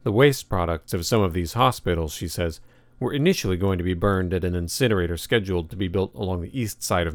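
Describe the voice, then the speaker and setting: A man reading a nonfiction book aloud as narrator, in a measured, reflective way. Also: low-pitched, no room sound.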